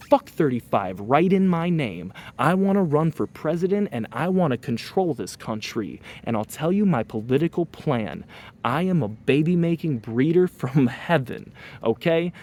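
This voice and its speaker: A man's voice: medium pitch, darkish tone. A man delivering a rambling, grandiose monologue full of swearing, slipping into rhymes like a rap. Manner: grandiose, profane, half-rapping in rhymes. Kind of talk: rambling boastful rant.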